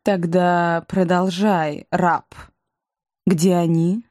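A woman's voice: fairly low pitch, flat delivery, drawn-out words, darkish tone, no echo, clean studio sound. A woman voicing an imperious, sarcastic evil queen who commands her servants, in an audiobook. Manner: haughty, menacing, sarcastic. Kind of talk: audiobook character reading.

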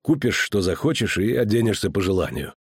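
A man reading a weary witcher in a storybook voice: very low, husky and clipped. The delivery is dry and close to the mic, terse and unhurried. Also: very animated, no room sound, heavily acted. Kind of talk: audiobook character reading.

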